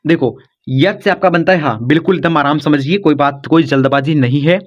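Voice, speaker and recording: Friendly male teacher, high-pitched, repeats and coaxes, casual lesson on a muffled recording. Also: brisk. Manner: repetitive, coaxing, says "dekho" and "yaar" often.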